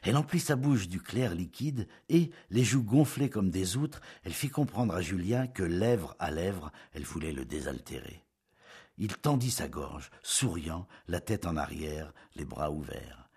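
A man narrates a literary novel aloud at an even, measured pace. His voice lies low in pitch and carries a strongly husky, breathy grain. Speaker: audiobook narrator.

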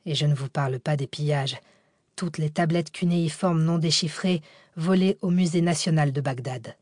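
A learned male archaeologist holds forth in a measured, lecturing tone, as a woman reads him in an audiobook. The voice sits low and steady, recorded close and dry with no room around it. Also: dry recording.

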